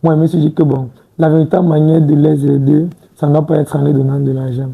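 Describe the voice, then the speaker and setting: A man's voice: fairly high pitch, little pitch movement, fast talker, creaky, slightly rough, phone-quality sound. A man in his twenties, a guest in a studio interview, talking casually and hesitantly, restarting words and often adding "tu vois un peu". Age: 20s. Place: TV studio set.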